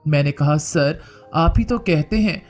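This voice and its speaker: A man's voice: on the high side, measured pace, soft background music. A man reading a dramatic first-person family story aloud and speaking the characters' lines in his own voice. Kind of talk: scripted story narration.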